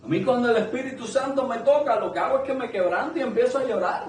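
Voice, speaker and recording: A man's voice: extremely high pitch, quick pace, a little mellow, slight background noise. A man preaching a sermon to a small congregation, earnest and conversational, asking many rhetorical questions. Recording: echoey room, mic at a distance.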